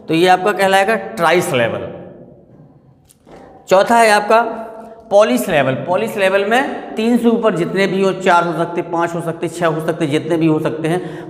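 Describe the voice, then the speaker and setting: A man's voice: high-pitched, fairly bright tone. A man teaching a spoken English lesson, who stretches out example words, repeats them and quizzes his listeners. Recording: echoey room with long reverb.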